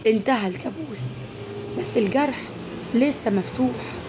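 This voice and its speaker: A woman voicing a calm, firm young man with an Egyptian Arabic accent. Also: on the high side, moderate pace, noisy background, close to an everyday voice. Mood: gentle.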